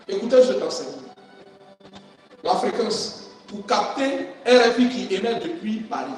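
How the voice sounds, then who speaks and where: Fervent high-voiced preacher in an echoey hall. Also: male voice. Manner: fervent, swings between shouting and quiet; call-and-response with congregation. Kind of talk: sermon. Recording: echoey hall from far off, music.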